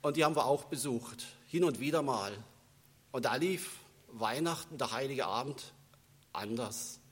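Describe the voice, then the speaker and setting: Delivering an Advent sermon, a preacher talks at a moderate pace in a slightly rough mid-range voice, sharing personal stories in a conversational way. His German accent carries a northern standard touch, and the church gives the recording a long reverb.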